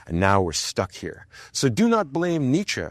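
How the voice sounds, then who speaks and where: A man giving a university philosophy lecture, expressive and wry, chuckling mid-sentence and dropping low and slow for emphasis. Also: no room sound.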